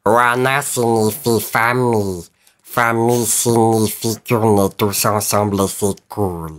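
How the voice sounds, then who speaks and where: A man voicing a small, gentle cartoon alien creature with a throaty, gravelly voice. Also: on the low side, steady tone, slow pace, pitched below the performer's own voice. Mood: earnest.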